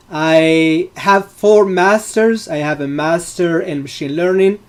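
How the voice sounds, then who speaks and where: A man's voice: on the high side, a little mellow. A middle-aged man from Morocco who teaches data science, walking students through an online course with an explanatory manner, frequent fillers and restarts. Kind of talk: live online class walkthrough.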